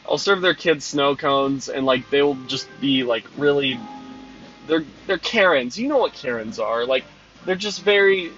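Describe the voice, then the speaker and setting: A man's voice: medium pitch, a bit bright. A twenty-year-old man telling a casual, profane, exasperated story about his snow cone truck job. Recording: dull lo-fi sound with faint music.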